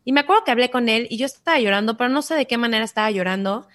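A woman with a Mexican accent telling a personal story in an interview, animated and acting out voices. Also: a little high, racing. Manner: animated, acts out quoted voices. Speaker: guest.

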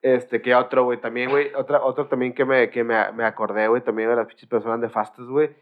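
A man's voice: medium pitch, little pitch movement, fast talker, phone-quality sound. A man with a Mexican Spanish accent, co-hosting a podcast in crude casual banter, laughing and swearing as he tells stories. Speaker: podcast co-host.

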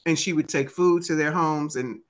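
A woman's voice: low-pitched, normal speed. A woman in her fifties with a Washington DC accent, telling personal stories conversationally as an interview guest and voicing remembered dialogue. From United States, Washington DC area. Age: 50s. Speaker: interview guest, author and motivational speaker. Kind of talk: animated conversational storytelling.

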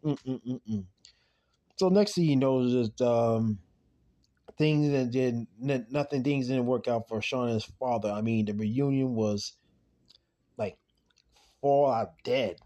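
Speaking unhurriedly in a medium-pitched voice, a man rambles through a TV episode recap on his podcast, full of "I mean" and "though." At one point he talks softly about his late father.

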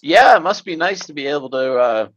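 A man co-hosting a casual sports podcast, halting and hesitant, cursing casually. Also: on the high side, lively intonation, a bit bright, lo-fi sound. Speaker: podcast co-host.

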